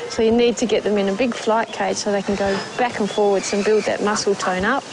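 A woman who runs an animal rescue centre, explaining her work in a relaxed, plainspoken way with many ums and uhs. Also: mid-range voice, brisk, noisy background. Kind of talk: casual explaining in interview. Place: wildlife rescue farm. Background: background music.

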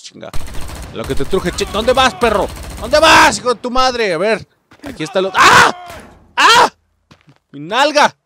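A man with a Mexican accent commenting on a game he is playing, cursing constantly and shouting at enemies. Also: medium pitch, a little hiss or hum. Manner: profane, excitable, shouts at enemies. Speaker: gaming channel host. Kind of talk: let's play commentary.

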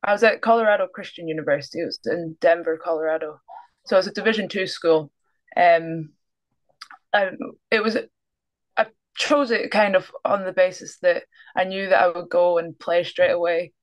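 Speaking at a normal pace with a lowish, fairly even voice on a muffled recording, a young woman from Scotland talks as a guest basketball player in a casual video-call interview. She's easygoing, often trails off with a laugh, and sits in a small indoor room.

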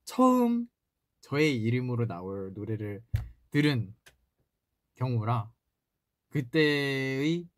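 In a dry recording, a mid-range male voice belongs to a young idol singer in his twenties. Seated at a desk in a small room, he chats playfully on a solo livestream, reading out fan comments and replying.

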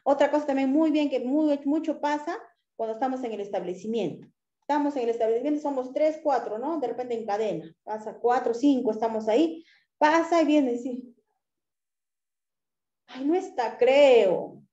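High-voiced woman teaching pharmacy staff. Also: a little fast. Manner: animated, acts out customer exchanges, tag questions. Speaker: pharmacy customer-service instructor. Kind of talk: lively lecture with acted examples. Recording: echoey room, dull lo-fi sound.

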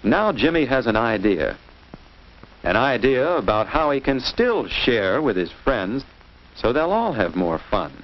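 Slightly slow and sing-song at a medium pitch, an American man reads the script of a 1950s children's instructional film. He is didactic and asks questions of young listeners, while the old soundtrack comes through muffled and noisy.

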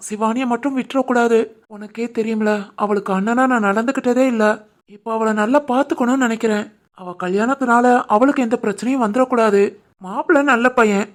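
A performer voicing an earnest, caring young husband and brother in an animated family story. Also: medium pitch, lightly acted.

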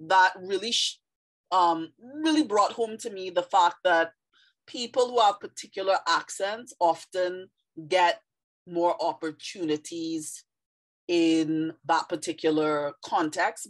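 A Trinidadian woman in her thirties, a vlogger and former ESL teacher, speaks to the camera in a casual monologue about teaching English. Her lowish voice carries a Trinidadian accent, and she sounds reflective and conversational, using lots of fillers.

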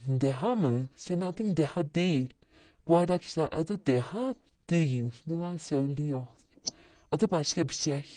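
A woman's voice: expressive, moderate pace, warm tone, no room sound. A woman vlogger chatting casually to her viewers while she types messages, muttering to herself and breaking into sudden exclamations. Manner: sudden high-pitched exclamations. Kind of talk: casual screen-recorded commentary.

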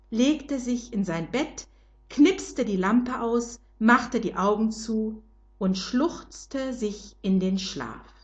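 An older woman slowly and gently narrating a children's storybook. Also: a little high, muffled recording.

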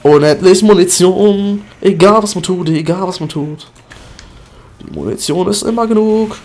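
A man giving live commentary over his own gameplay, excitable and goofy, often breaking into high-pitched yelps and sing-song chants. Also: moderate pace, slight background noise. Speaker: gaming commentator.

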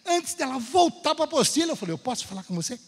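A man's voice: very high-pitched, fast talker. A man from Brazil telling a testimony in a church sermon, storytelling and acting out the dialogue. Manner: storytelling, lively, acts out dialogue. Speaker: Gideon speaker at church. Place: church sanctuary. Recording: hall reverb in church.

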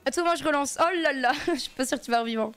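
Faint music runs under a woman's high, slightly bright voice as she speaks at a quick clip. She's playing a game live and chattily talking to her chat in slang.

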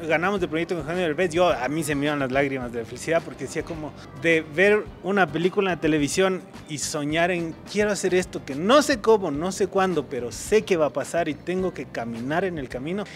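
A man's voice: on the high side, quick pace, few pauses. A man in his thirties with an Ecuadorian accent, answering interview questions in an earnest storytelling way on a city street, into a handheld mic. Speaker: cinematographer, guest. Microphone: handheld microphone held by interviewer. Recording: noisy outdoor street.

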